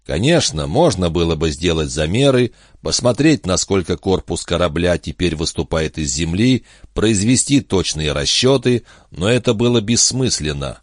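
A man reading an audiobook in steady, measured scripted narration. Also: low voice, no room sound, clean studio sound.

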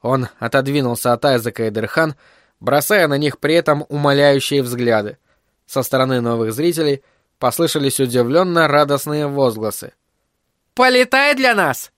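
A male audiobook narrator reads scripted text in a steady, mid-range voice at a moderate pace. The recording is dry and studio-clean.

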